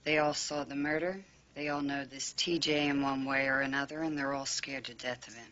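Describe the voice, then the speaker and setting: Insistent, bright-voiced woman lawyer. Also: rumbling low, fairly even intonation, a little fast. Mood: earnest, insistent. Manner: insistent, articulate, formal. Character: brisk, determined female defense lawyer. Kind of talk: television drama acting. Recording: dull TV soundtrack, faint noise.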